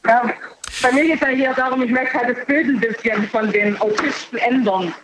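A woman's voice: fairly high pitch, steady tone, normal speed, crowd noise. A woman in her thirties calling a radio show over a bluetooth headset phone line from her noisy workplace, answering plainly and briefly. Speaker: caller. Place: noisy parcel sorting center at work.

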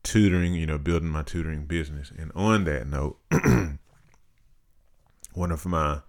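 A man in his thirties co-hosting a podcast, talking in a measured, reflective, casual way. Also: a bass voice, steady tone. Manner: measured, reflective, practical-minded. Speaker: podcast co-host. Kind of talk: casual chat.

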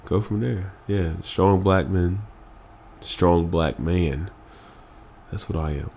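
Very deep-voiced earnest man, emotional. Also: slow, darkish tone, slight background noise. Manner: earnest, emphatic, repeats phrases for stress. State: emotional after crying. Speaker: podcast guest. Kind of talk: emotional candid conversation.

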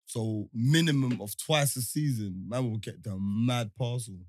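The studio-quality audio has no room sound, capturing a man's mid-range, darkish voice at a measured pace. He's a podcast host with a London roadman accent, trading casual storytelling banter full of street slang and tag questions.

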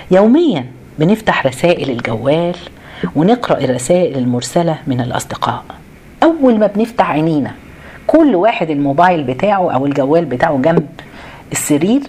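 A woman's voice: low voice, darkish tone, a little hiss or hum. A woman with an Egyptian Arabic accent gives an informal religious lesson to a group, exhorting conversationally with rhetorical questions.

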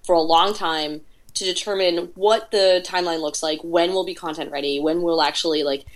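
This indie game PR producer appears as a guest on a podcast, chatting casually and peppering her stories with filler words. Her voice is lowish and steady, and she talks at a moderate pace.

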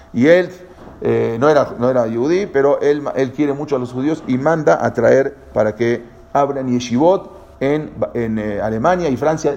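A man's voice: mid-range voice, a little mellow. A man giving a lecture, hesitant and full of fillers and restarts, explaining things directly to his listeners. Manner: halting, many fillers and repeated restarts.

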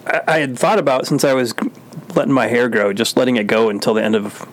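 A man with a middle-pitched voice co-hosts a casual podcast in a small studio. He keeps his replies short and laid-back. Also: fast. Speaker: podcast co-host. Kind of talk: casual chat.

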